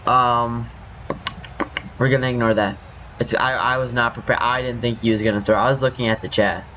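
A man's voice: mid-range voice, fairly even intonation, normal speed, sharp tone. Young man with a scratchy morning voice. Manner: rambling, self-correcting, apologetic. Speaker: gaming youtuber. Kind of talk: casual gameplay commentary.

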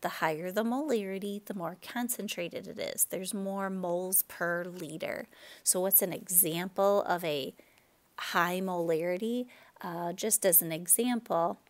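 A woman chemistry teacher giving a relaxed recorded lecture, explaining with fillers and self-corrections. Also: fairly low pitch, unhurried.

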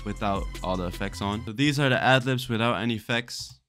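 A man's voice: mid-range voice, brisk, fairly bright tone. A young man producing music, casually talking through a vocal preset tutorial in a chatty, laid-back way that drops the odd swear word. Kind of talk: casual screen-recorded tutorial.

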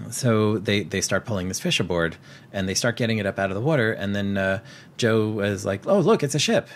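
A man's voice: low-pitched, a little hiss or hum. A man co-hosting a podcast, casually retelling a film's plot with lots of fillers and restarts. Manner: rambling with frequent fillers and restarts. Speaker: podcast co-host. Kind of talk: casual film recap chat.

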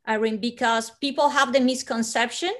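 This is a fortysomething Colombian woman with a Colombian Spanish accent, telling her personal story over a video call as an interview guest. Her pitch is fairly high and her tone steady, while her delivery stays slow and hushed with breathy dips and abrupt rises, all from her living room.

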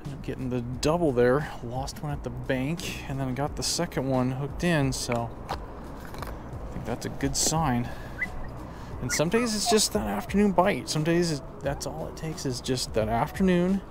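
Standing by a small lake, a man in his thirties from the US narrates his fishing in a casual, cheerful, talkative way. His voice is medium-pitched and a little slow, and the background is noisy.

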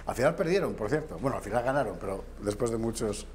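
A man's voice: lowish voice, lively intonation, quick pace, a little mellow, a little hiss or hum. A man in his fifties, a guest author in a TV news studio, talking in a discursive way with wry asides, recorded on a lapel mic.

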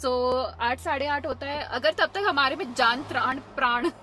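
A high-voiced woman talks through her travel vlog in an easy, chatty way, slipping English phrases into her Hindi and laughing often. She is out on the streets of a mountain town. Steady outdoor noise runs under her voice. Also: moderate pace. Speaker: travel vlogger. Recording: noisy outdoor background.

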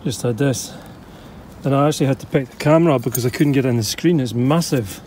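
A man's voice: medium pitch, fast talker, a little mellow, slight background noise. Chatty Scottish man digging outdoors. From Scotland. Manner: chatty, enthusiastic, thinking aloud. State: out of breath at times. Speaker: bottle digger and vlogger. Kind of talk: casual commentary while digging. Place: outdoor dig site.

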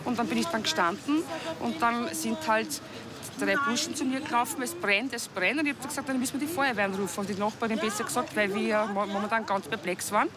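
A middle-aged Viennese woman tells her eyewitness account at a fast pace in a fairly high voice. She is recorded outdoors at night with a crowd murmuring around her. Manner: quick, retelling events. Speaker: resident, eyewitness.

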